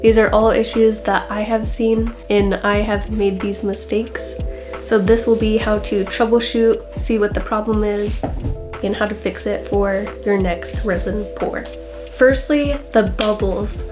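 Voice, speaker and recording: A woman's voice: medium pitch, fairly even intonation, unhurried. A woman hosting a casual hobby tutorial in a playful, rambling way. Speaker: hobby craft host. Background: music.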